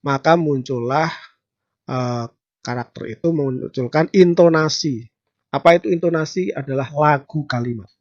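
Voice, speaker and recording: A man with an Indonesian accent teaching preaching skills, stressing key terms with louder, higher bursts. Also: dry recording, muffled recording. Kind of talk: instructional talk.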